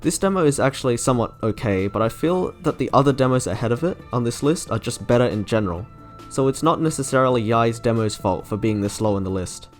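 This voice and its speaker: With background music playing under him, a man hosts a video that reviews game character trailers. He reads scripted commentary in an expressive, mid-range voice and talks fast.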